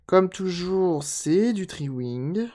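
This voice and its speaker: A man's voice: high-pitched, animated, extremely slow, noisy background. A man chatting casually on a live stream while repairing a handheld console, joking and answering chat aloud.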